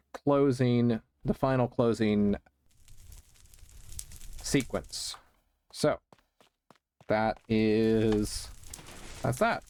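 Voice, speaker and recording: A man giving casual, rambling gameplay commentary, halting and self-deprecating as he explains his build. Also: mid-range voice, darkish tone. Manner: rambling and halting, with many restarts. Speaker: Minecraft video creator.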